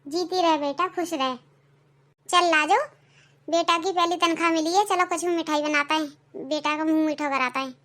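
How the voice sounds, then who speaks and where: A voice actor playing a stern old grandmother in a Hindi cartoon, shrill and commanding as she scolds her family. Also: steady tone, normal speed, pushed and bright. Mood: bossy. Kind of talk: cartoon voice acting.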